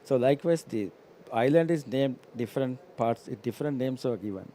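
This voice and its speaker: A man chatting and explaining casually in a halting, roundabout way, often rephrasing himself. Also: medium pitch, animated, mellow. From Maldives. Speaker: local guest in the commentary booth. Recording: faint noise on live event broadcast.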